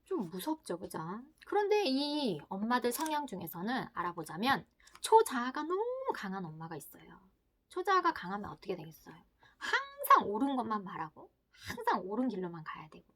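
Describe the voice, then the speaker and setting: Woman doing a parenting-psych book talk, bright crisp voice, acts out the inner voices, then goes all hushed and whispery. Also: fairly high pitch, huge pitch swings, a little fast.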